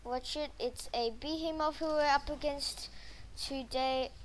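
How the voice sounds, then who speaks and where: A woman giving casual gameplay commentary, rambling and excitable, full of fillers. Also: sits high, measured pace, slight background noise, poor audio.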